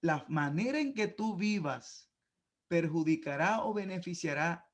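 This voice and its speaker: A man's voice: fairly high pitch, expressive, measured pace. A man who is a pastor, preaching a sermon with emphatic, rising passages and repeated words.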